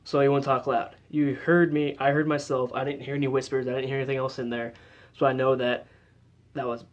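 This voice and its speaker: A man's voice: mid-range voice, flat delivery, brisk, lo-fi sound. A man giving a casual how-to demonstration as a paranormal investigator, explaining in a loose, chatty way with lots of fillers.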